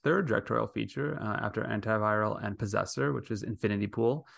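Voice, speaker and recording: Low, creaky-voiced man hosting casually. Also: fast, fairly bright tone, dry recording. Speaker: podcast host.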